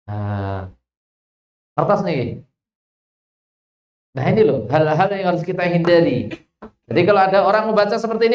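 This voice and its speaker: Slow Javanese-accented Quran teacher, echoey room. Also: mid-range voice. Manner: asks the listeners questions and answers them, stretches out example verses. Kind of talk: Quran recitation lesson.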